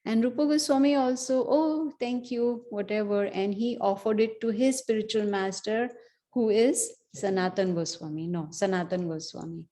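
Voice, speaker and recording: Her voice is mid-range and dark, with a steady tone and moderate pace. She leads a scripture class as a storyteller, chatting through the tale with many asides and saying "you know" often.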